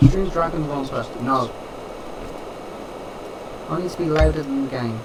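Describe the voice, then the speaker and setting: A man's voice: on the high side, unhurried. Half-robotic doubled voice of a young man. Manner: rambling, filler-heavy chatter. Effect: half-robotic, doubled voice from the mic being captured twice. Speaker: gaming streamer. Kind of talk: casual gameplay commentary. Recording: distant mic with loud background noise.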